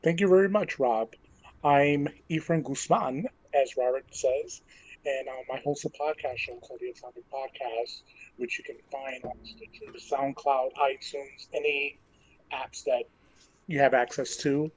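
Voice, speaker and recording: Guest, male, from NYC, relaxed and plain-spoken; remote call audio sounds dull and keeps cutting out. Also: medium pitch, a little slow, slight background noise. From New York City. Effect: remote call audio breaking up, cutting in and out. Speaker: guest, podcast host. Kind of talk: casual interview chat over a remote call. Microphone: sitting far from his own mic on a remote call.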